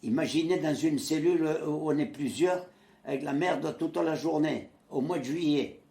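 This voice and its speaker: This man in his nineties, born in Marseille and once a resistance fighter, shares wartime memories in an interview, mimicking the voices of those he quotes and hesitating often. His voice sits fairly high, moves at a moderate pace, and echoes in the room.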